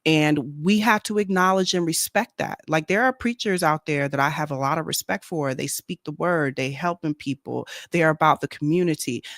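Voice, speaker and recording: A man speaking earnestly in a casual faith discussion on a video call, slowing down to stress his points. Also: fairly high pitch, fairly bright tone, no echo, clean studio sound. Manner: earnest, slow and deliberate when stressing a point. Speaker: panelist on a faith talk stream.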